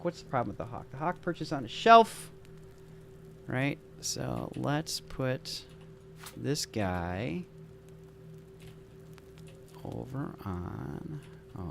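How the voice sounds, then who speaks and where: This is relaxed gameplay commentary from a man whose medium-pitched voice is gravelly with a slightly bright quality. He works through constructing a game scenario aloud, wandering off into eager, meandering tangents.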